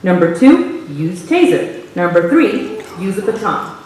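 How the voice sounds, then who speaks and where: Recorded from the audience in a theater hall, a woman narrates and hosts a staged reading, delivering scripted stage narration. Her voice is lowish and darkish, a little slow, with wide pitch swings. The sound is roomy and distant, carrying faint noise.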